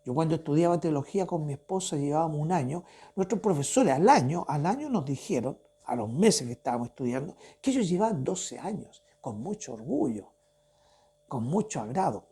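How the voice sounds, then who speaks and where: A male preacher delivering an impassioned sermon, hammering each point through repeated phrases. His pitch swings widely from low, quiet stretches to sudden high peaks. The voice has a dark, husky tone. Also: big pitch swings, brisk. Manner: impassioned, repetitive, emphatic preaching.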